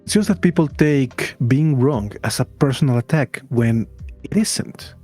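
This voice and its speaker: Male streamer in conversation, measured emphatic delivery, repetition for weight, music in the background. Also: medium pitch, lively intonation, warm tone. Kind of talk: casual discussion, opinion.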